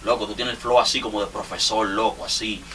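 Teasing Dominican man, bright sharp voice. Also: fairly low pitch, fairly even intonation, fairly quick, a little hiss or hum. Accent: Dominican Spanish. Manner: teasing, rambling, laughs often. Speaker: rapper roasting fellow artists. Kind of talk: casual joking monologue. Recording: distant mic with faint ambience.

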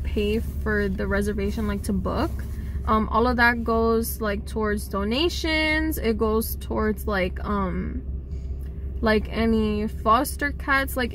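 A woman's voice: fairly high pitch, a bit bright. A young woman chatting casually to her vlog audience from a car passenger seat, full of fillers and little laughs. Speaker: vlogger. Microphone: camera on the dashboard. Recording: noisy car interior.

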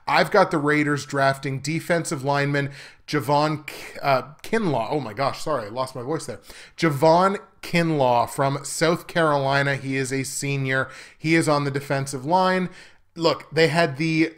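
A young man talks through a mock sports draft on his own, brisk and confident in a fairly high voice. He delivers it like play-by-play, with sudden bursts of excitement. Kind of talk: solo sports analysis commentary.

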